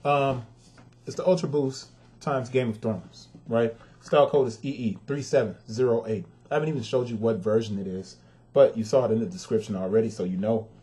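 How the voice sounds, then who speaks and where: Speaking a little fast in a mid-range voice with a dark tone, a father reviews sneakers casually and emphatically. He addresses his viewers directly and vents his frustration.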